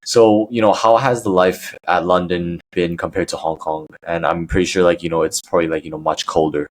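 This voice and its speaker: Deep-voiced man hosting a casual podcast. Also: steady tone, brisk, poor audio. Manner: chatty, leans on "you know" fillers. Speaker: podcast host. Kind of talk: casual interview.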